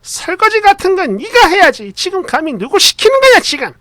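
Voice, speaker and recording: Bossy old mother-in-law voiced by a man, shrill, sharp, scolding, very high. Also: very animated, fairly quick, no echo, exaggerated voice.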